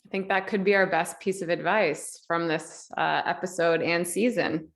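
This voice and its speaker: A woman's voice: on the low side, fairly even intonation, normal speed, a bit bright. A woman co-hosting a podcast, chatting casually and playfully, laughing often and throwing in dramatic asides. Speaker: podcast co-host. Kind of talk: casual chat.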